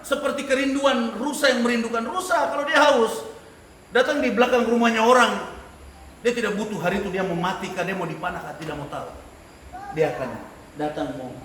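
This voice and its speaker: A man teaching a church class on leading worship, lively, with rhetorical questions and frequent laughter. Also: sits high. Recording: echoey room, mic far off, noisy.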